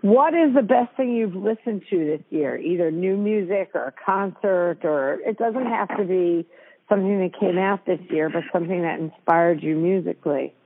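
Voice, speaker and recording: A woman hosting a casual radio interview, asking curious questions in a lively way. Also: on the low side, normal speed. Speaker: radio host. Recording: tinny phone-line sound.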